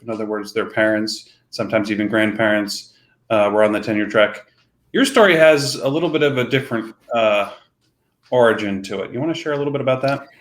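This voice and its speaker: A man hosting a moderated conversation over a video call, asking friendly, rambling questions. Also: mid-range voice. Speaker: interviewer and event host. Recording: echoey room.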